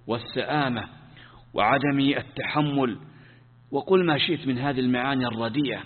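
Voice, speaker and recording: A man's voice: mid-range voice, a little fast. A male religious teacher gives a classroom Quran commentary lesson. He asks rhetorical questions, answers them himself, and repeats key phrases. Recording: tinny phone-like sound with long hall reverb.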